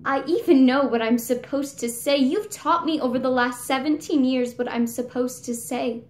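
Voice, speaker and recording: A woman's voice: sits high, fairly even intonation, moderate pace, lightly acted. A young woman performing a dramatic monologue as a grieving seventeen-year-old girl who speaks bitterly to her mother. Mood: weary. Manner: raw and bitter, rising to anguished outbursts. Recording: echoey room.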